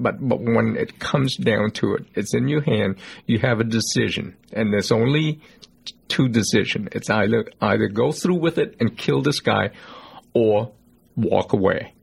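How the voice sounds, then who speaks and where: Gravelly, husky man recalling intensely. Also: medium pitch. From Cambodia. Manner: intense, repeats words for emphasis. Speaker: guest, author and genocide survivor. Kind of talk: earnest radio interview answers.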